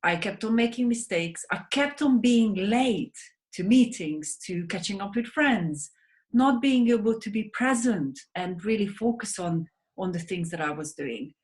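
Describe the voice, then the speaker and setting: With a mid-range, darkish voice and lively intonation, a woman in her thirties from Hungary speaks at a measured pace. As a sleep advocate guesting in a video-call interview, she talks earnestly in a Hungarian accent with frequent restarts.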